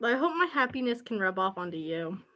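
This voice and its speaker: High-voiced giggly woman vlogger. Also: brisk. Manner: rambling, with many fillers and restarts; giggly and excitable. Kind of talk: casual chat to camera.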